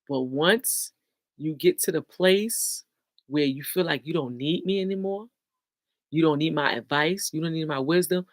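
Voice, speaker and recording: A woman's voice: deep voice, dry recording. A middle-aged woman, talking casually and bluntly to viewers on a livestream and laughing often. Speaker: livestream host.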